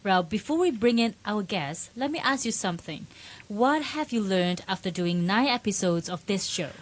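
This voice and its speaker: A woman's voice: mid-range voice, lively intonation, moderate pace. Upbeat Malaysian woman radio host. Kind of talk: scripted radio show hosting.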